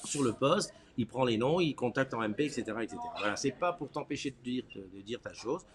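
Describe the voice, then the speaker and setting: A man with a medium-pitched voice hosts a casual live morning chat. He talks informally and teasingly, often saying a phrase several times over. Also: lively intonation, a little fast, a crowd in the background. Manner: informal, teasing, repeats himself. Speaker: live morning show host.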